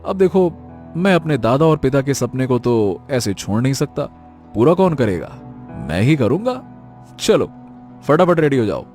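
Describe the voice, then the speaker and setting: A man puts on a young would-be hotelier who is impatient and dead set on his plan, his voice pitched well above the storyteller's own. He talks briskly and with some exasperation, mixing in English words. Soft music plays underneath this audio-drama scene. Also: sing-song, natural voice. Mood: determined. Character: young male hotel entrepreneur, impatient, determined.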